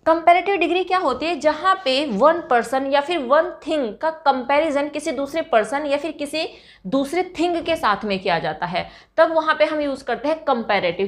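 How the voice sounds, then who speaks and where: A woman teaches English grammar to her students. Her voice sits high. She is patient and stretches out each example word so learners can follow. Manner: patient, drawn-out model pronunciations.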